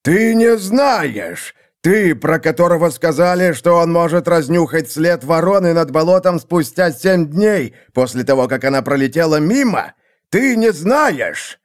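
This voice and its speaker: A squealing, domineering rat-man seer, impatient and quick to rage. His voice jumps high above the narrator's own, loud and shrill. He snaps out orders and scorn in a fantasy audiobook. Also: animated. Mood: shrieking.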